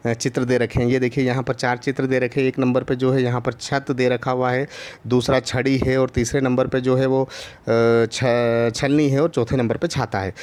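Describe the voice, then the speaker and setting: A man teaching a Hindi lesson online to young children, patiently repeating each syllable, with many drawn-out filler pauses. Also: mid-range voice, flat delivery, darkish tone. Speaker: primary school teacher.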